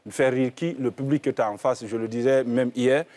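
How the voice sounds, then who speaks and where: A man being interviewed on a TV studio set as a comedian, speaking in a measured, reflective way with hesitant restarts. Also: medium pitch, steady tone, a little mellow. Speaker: comedian guest on a TV show.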